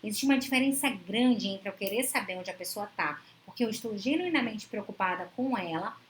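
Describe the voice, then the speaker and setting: A woman's voice: mid-range voice, animated, fairly quick. Female psychologist, live-stream host; conversational, voices quoted couples, faint background hiss. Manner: conversational, acts out quoted dialogues in shifting tones. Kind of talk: casual live-stream talk to viewers.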